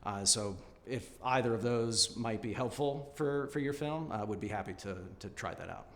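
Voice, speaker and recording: A man answering questions at an acting audition, polite, measured and thoughtful. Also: mid-range voice, a bit bright, long reverb tail. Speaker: actor at an audition. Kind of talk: unscripted audition interview.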